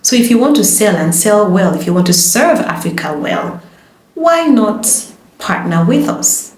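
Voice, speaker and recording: A woman's voice: mid-range voice, expressive, unhurried, darkish tone. A woman, a lawyer and voice-over artist, giving emphatic, passionate advice in a casual conversation. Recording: roomy echo.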